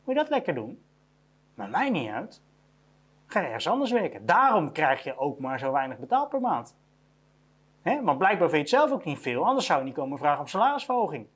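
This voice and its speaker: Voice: mid-range voice, sing-song, a little fast, husky. A business owner giving a blunt motivational monologue about career advice, repeating each point to hammer it home.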